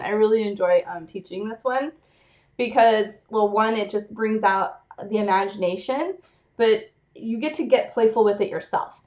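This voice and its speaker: A young woman teaching laughter yoga in a playful, upbeat way, breaking into loud rhythmic ho-ho-ha-ha chants between her explanations, recorded at home on a computer mic. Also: medium pitch, lo-fi sound. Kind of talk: guided laughter exercise lesson.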